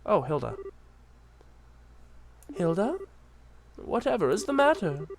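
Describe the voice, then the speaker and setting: A man voicing a gentle, dignified queen who talks softly and kindly. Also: high-pitched, big pitch swings, slow pace, creaky, exaggerated voice.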